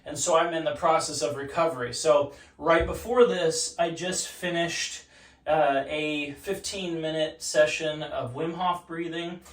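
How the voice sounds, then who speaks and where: A man with a somewhat high-pitched voice talks casually as he instructs from a tub of ice cold water. The bathroom rings with echo, and he sounds a little away from the microphone. He addresses the camera like a home vlogger. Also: fairly even intonation, a little slow, fairly bright tone, recorded from a distance. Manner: speaking while sitting in ice cold water. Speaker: vlogger demonstrating ice baths. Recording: echoey bathroom, off-mic, water noise.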